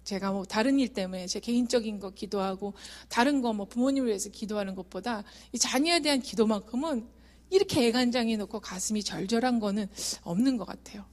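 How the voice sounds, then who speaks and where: A middle-aged woman with a slightly higher voice shares a heartfelt testimony from a church pulpit. She speaks earnestly, at times softly and at times loudly with feeling. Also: a little fast. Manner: earnest and emotional, swings from soft to loud. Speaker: guest speaker giving testimony. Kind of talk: emotional testimony sermon. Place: church sanctuary.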